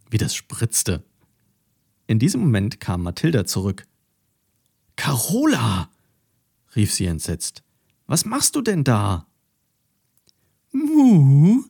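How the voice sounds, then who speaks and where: A man narrating a children's story, expressive and warm in telling. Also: on the low side, slightly rough, no room sound, clean studio sound. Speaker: audiobook narrator.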